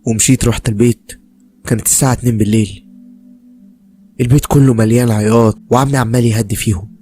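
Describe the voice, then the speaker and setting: Egyptian guy telling a dramatic crime story quick, faint music behind. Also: medium pitch, steady tone, warm tone. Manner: dramatic, emotional first-person telling. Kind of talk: scripted story narration.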